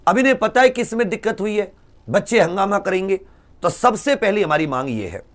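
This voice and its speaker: Rallying his students as a coaching teacher, a man urges them emphatically, firing off rhetorical questions and repeating key phrases. His fairly high voice swings with very lively intonation at a slightly fast pace.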